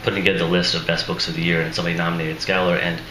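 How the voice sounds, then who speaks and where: Racing along in a deep, flat voice, a male author introduces his book at a live reading with an audience. He's casual and self-deprecating, chuckling in asides, his voice strained and tired. The recording is echoey with noisy ambience.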